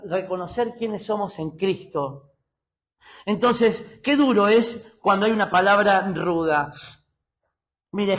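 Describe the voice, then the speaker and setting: High-voiced Argentine pastor preaching. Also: male voice. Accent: Argentine Spanish. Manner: emphatic preaching, slowing to read scripture aloud. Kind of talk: sermon.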